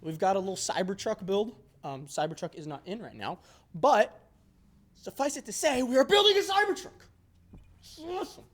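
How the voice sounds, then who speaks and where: Rambling through an improvised tour of an indoor workshop, a man in his early twenties pokes fun at himself and exaggerates playfully. His high, fairly bright voice swings widely in pitch at a moderate pace.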